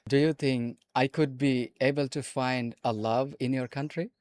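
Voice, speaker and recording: A man's voice: mid-range voice, steady tone, moderate pace, darkish tone. A man from Bangladesh with a Bangladeshi accent hosts a casual video chat with a stranger. He talks in a teasing, playful way and repeats his phrases. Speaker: host.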